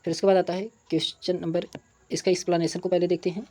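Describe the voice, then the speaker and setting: A man leads an exam prep lesson, reading each past question, then stating, repeating, and explaining the answer while slowly spelling out sounds and examples. His voice is high and darkish, with little pitch movement.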